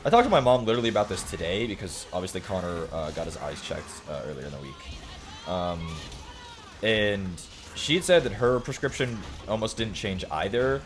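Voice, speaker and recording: A man's voice: low voice, expressive, normal speed. A man in his late twenties streaming a game, chatting casually and joking while he reads his chat aloud. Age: late 20s.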